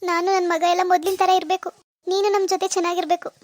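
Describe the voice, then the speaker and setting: A woman's voice: very high-pitched, little pitch movement, quick pace, no room sound, clean studio sound. A woman playing a remorseful middle-aged mother-in-law who earnestly begs her daughter-in-law's forgiveness in a homemade family drama skit. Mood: pleading. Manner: earnest, pleading, apologetic.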